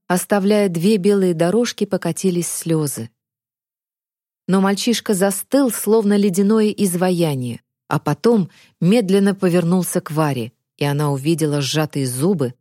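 Woman, audiobook narration, dark mellow tone, calm even delivery, dry close sound. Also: lowish voice, no echo. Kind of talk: scripted narration.

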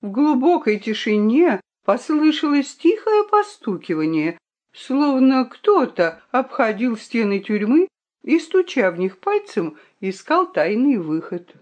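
Woman storyteller, slow storybook reading, lively melodic pitch. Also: dull audio. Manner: expressive, unhurried.

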